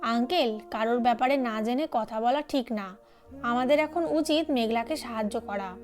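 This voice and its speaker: A woman's voice: on the high side, moderate pace, a little mellow, natural voice. A woman voicing a worried, loyal young woman pleading for her friend in an audio story. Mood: anxious. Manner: anxious, pleading.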